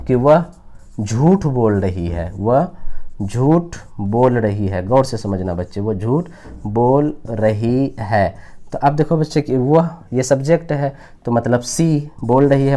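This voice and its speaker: Mellow-voiced male teacher, patient. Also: mid-range voice. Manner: addresses students as "children", repeats example sentences slowly; explains patiently and rephrases often. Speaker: English teacher. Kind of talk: classroom grammar lecture.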